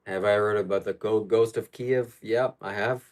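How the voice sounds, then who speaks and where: A man from Ukraine reads chat questions during a casual live stream and answers them bluntly at a moderate pace. His somewhat low voice delivers each opinion in a flat, confident manner.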